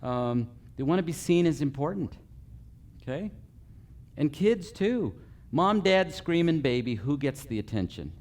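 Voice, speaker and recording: A man's voice: a little high, very animated, a little slow, a little mellow. Man coaching a group through a list. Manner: runs through a numbered list, checking in with frequent okays. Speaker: customer service trainer. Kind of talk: live training talk to a group. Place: meeting room with a live audience.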